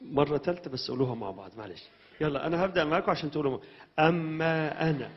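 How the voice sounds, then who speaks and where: Male Egyptian preacher, exhorting, fairly high voice, dull lo-fi recording. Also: sing-song, very fast, slight background noise. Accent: Egyptian Arabic. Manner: exhorting, urges the crowd to repeat aloud. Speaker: preacher leading worship. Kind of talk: sermon with congregation recitation.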